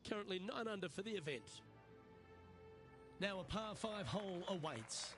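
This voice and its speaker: A man's voice: high-pitched, animated, moderate pace, soft background music. A man working as lead golf commentator, calling play-by-play for a video game broadcast. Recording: loud crowd and ambient noise behind. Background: golf crowd and outdoor ambience.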